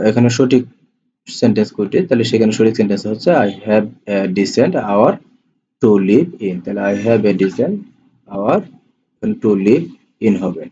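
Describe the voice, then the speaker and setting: A man's voice: on the low side, warm tone. A man with a Bangladeshi Bengali accent working through exam questions as a tutor, reading each question and then repeating the answer. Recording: dull lo-fi voice-over with faint hiss.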